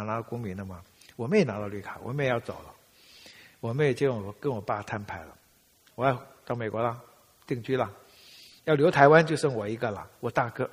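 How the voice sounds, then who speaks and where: Husky older man telling a story. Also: mid-range voice. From Taiwan. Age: 70s. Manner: lively storyteller acting out family dialogue. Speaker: speaker giving a testimony. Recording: long reverb of a large hall.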